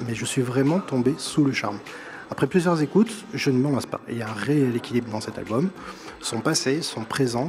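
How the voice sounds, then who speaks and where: There's slight background noise behind this man's mid-range, slightly mellow voice. On a live show he gives an easygoing, enthusiastic music column in French with a slight non-native accent, chatting freely and chuckling at himself.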